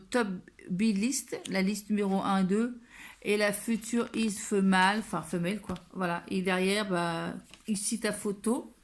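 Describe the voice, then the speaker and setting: Woman showing off her beauty box, slow and unhurried, lots of ums and restarts. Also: medium pitch, a bit bright. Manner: slow, hesitant, many fillers and restarts. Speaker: beauty box unboxing vlogger. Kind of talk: casual unboxing chat.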